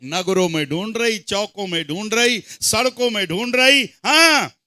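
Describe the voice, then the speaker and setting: A male pastor preaching an animated sermon, echoing the scripture reader's lines, asking questions and shouting for emphasis during a church service. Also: sits high, a little slow, studio quality. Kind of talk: sermon with call-and-response Bible reading.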